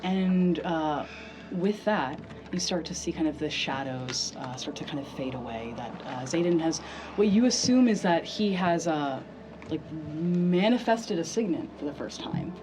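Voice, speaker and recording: A woman narrating as game master of a tabletop game, halting with many fillers. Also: sits low, animated, noisy background.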